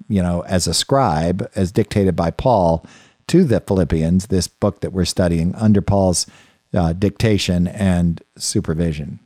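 Guy teaching bible study, lowish mellow voice, kinda rambly with restarts, dry close mic. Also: no room sound. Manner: thoughtful, with frequent restarts and asides to the listener. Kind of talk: unscripted Bible study lecture.

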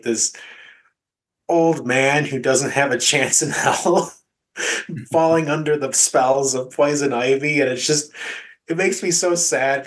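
A man's voice: medium pitch, fairly bright tone. A man co-hosting a podcast, chatting casually about a film and laughing between points. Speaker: podcast co-host.

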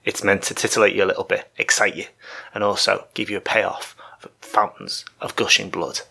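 A man giving informal film history commentary as a host, in thoughtful phrases broken by pauses. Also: lowish voice, flat delivery, vocal fry, bright, forceful tone, slightly rough.

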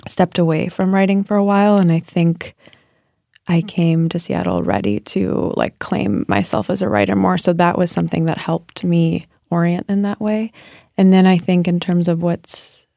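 Speaking at a normal speed, a woman writer who is a guest works through interview questions in a thoughtful, searching manner full of fillers and restarts. Her low-leaning voice is warm with vocal fry, and the recording has no room sound.

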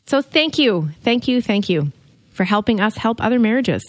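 Female co-host, lively, supportive listener, dry close recording. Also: fairly high pitch, normal speed, no echo. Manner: affirming listener, frequent "mm-hmm" and "yeah". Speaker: podcast co-host. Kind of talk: casual chat.

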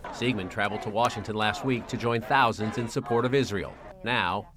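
A man narrating a TV news report in a measured, deliberate reporter style. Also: on the low side, crowd noise.

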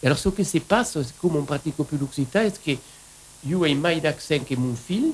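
A man's voice: on the high side, animated, fast, slightly rough, low-quality recording. A man with a southwestern French accent hosting a casual radio chat. He rambles enthusiastically and mixes in regional words. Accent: southwestern French, Occitan-tinged. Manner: rambling, enthusiastic, switches between French and Occitan. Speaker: radio host.

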